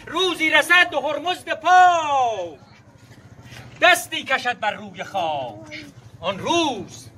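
A man giving a theatrical, declamatory recitation of epic verse in the naqqali storytelling style, proud and dramatic, with drawn-out words. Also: very high voice, sing-song, bright, forceful tone, a little hiss or hum.

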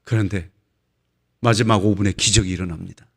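A male pastor preaching at a dawn prayer service, telling a story with animated delivery. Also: sits low, a little fast, creaky, husky.

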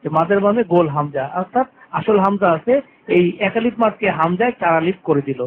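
A man with a high-pitched, animated voice teaches the rules of Quran recitation in a tajweed lesson, repeating each rule and verse and stretching the vowels very long. The recording is tinny and lo-fi like a phone, with faint hiss.

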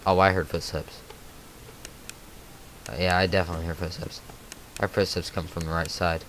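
A man with a slightly low voice talks through a video game as he plays it. He thinks aloud, breaking into nervous little exclamations. A faint hiss sits under the recording. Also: level tone, moderate pace, fairly bright tone. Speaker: gaming channel host. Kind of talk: let's play commentary.

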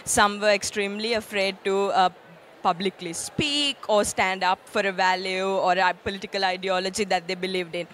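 A young woman from Sri Lanka answering interview questions on a handheld mic at an event studio, earnest and steady, with many ums and uhs. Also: medium pitch, normal speed, slight background noise. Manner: earnest, steady, with frequent um and uh fillers. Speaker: interview guest, UN youth official. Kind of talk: conversational interview. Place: event studio stage with a branded backdrop. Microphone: handheld microphone.

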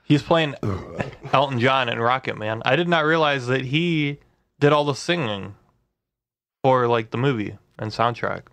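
Man with a mid-pitched voice, chatting. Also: measured pace, gravelly, fairly bright tone, no room sound. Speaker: podcast co-host. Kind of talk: casual chat.

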